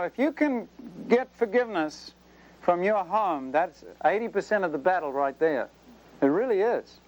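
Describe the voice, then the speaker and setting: Earnest man preaching, slightly high voice. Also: a little mellow, highs cut off. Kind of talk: sermon.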